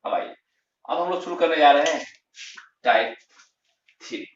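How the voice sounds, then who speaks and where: Male grammar teacher, deliberate, repeats himself; roomy, muffled, distant recording. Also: fairly high pitch, a little hiss or hum. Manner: repeats key terms, slow and emphatic, asks and answers himself. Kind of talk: classroom lesson explaining grammar. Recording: roomy, distant, dull lo-fi sound.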